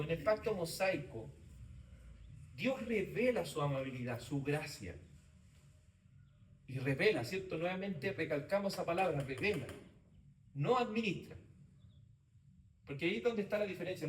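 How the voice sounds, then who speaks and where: A man's voice: a little high, distant mic. Man teaching a theology class, echoey room. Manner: speaks in short phrases, repeats key points, asks the class to confirm. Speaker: Bible teacher. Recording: roomy echo, voice from off-mic, faint background noise.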